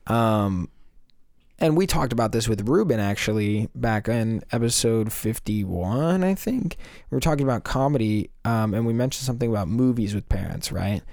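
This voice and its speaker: A man's voice: fairly low pitch, animated, normal speed, vocal fry, darkish tone, no room sound, studio quality. Young man arguing a point on a podcast. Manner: conversational, many fillers, argues a point. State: voice still recovering from losing it. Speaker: podcast co-host. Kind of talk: casual discussion.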